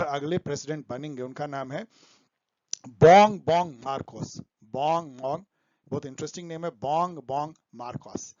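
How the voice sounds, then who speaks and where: A man's voice: on the high side, a little mellow, dry recording, highs cut off. A man explaining current affairs for exam students over slides, mixing English terms into his talk. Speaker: exam tutor.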